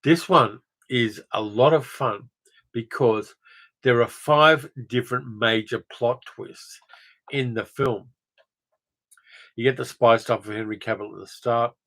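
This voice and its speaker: A man hosting a film channel livestream, reading out viewer comments and answering them in a loose, rambling way. He fills the gaps with ums and uhs, and his voice sits at an ordinary middle pitch. It sounds like a relaxed home stream. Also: a little slow, low-quality recording. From Australia. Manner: rambling, conversational, frequent fillers.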